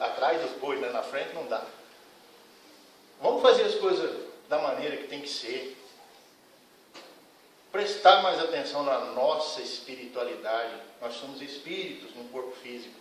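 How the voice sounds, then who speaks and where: A man's voice: medium pitch, fairly bright tone, a little hiss or hum. A man giving a spiritist lecture to a congregation, earnest and admonishing, speaking frankly to the audience. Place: lecture hall of a spiritist center. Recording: echoey hall, mic at a distance.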